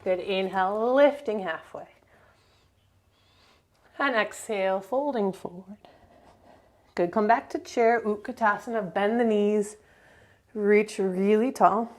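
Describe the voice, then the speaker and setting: A woman teaching a yoga class, giving calm step-by-step cues for breath and movement. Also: medium pitch, slow pace, long pauses. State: slightly out of breath at times. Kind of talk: guided yoga class instruction.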